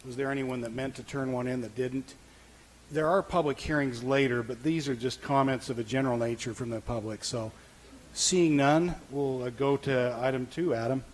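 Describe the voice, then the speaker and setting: A man's voice: mid-range voice, fairly even intonation, normal speed. A man, the mayor, chairing a city council meeting in a friendly, plain-spoken way. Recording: faint background noise.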